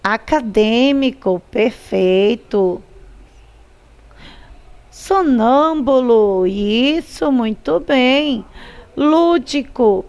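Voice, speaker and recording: A woman's voice: a little high, vocal fry. A woman teacher with a Brazilian Portuguese accent, patiently explaining a lesson, drawing out syllables and repeating words for emphasis. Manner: drawn-out syllables, repeats words to stress them. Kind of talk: slow, patient classroom instruction.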